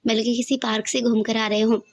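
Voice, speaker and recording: A woman voicing a timid, soft-spoken young man. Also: fairly high pitch, level tone, fairly quick.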